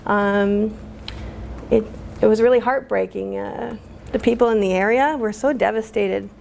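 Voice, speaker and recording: A woman speaking at a public talk, halting and emotional, with many fillers, recorded with faint room ambience. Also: medium pitch, creaky, darkish tone, a little hiss or hum. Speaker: community activist speaker.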